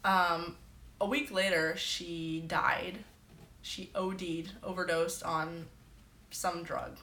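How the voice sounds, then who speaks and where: A woman's voice: lowish voice, little pitch movement, extremely slow, pauses often, sharp tone, slight background noise. Chatty woman streaming from an echoey room. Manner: chatty storyteller, heavy "like" filler. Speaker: livestream host. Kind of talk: casual livestream chat. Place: her bedroom.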